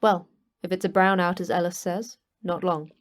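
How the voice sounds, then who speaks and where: In a sci-fi horror audio drama, an actress voices the terse, dry, matter-of-fact woman who manages a secret monster facility. Her natural voice sits fairly low, with fairly even intonation and a normal speed, and her mood is dry and brisk. The recording has clear background noise.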